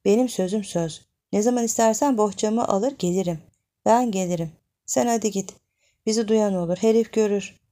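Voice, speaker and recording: A woman voicing a frightened young village wife who pleads in a hushed, frantic way. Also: medium pitch, normal speed, natural voice. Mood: pleading.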